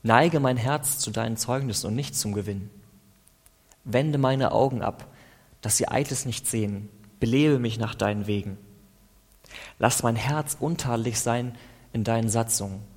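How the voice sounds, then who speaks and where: Calm and measured, a male preacher of medium pitch reads psalms devotionally, pausing between verses for relaxed, conversational commentary. His voice echoes with a long reverb, as though captured in a big hall.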